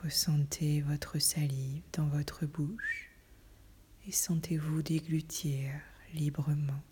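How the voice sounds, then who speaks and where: A woman whispering a guided relaxation in a soft, breathy, soothing voice, with slow delivery and long pauses. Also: low voice, flat delivery.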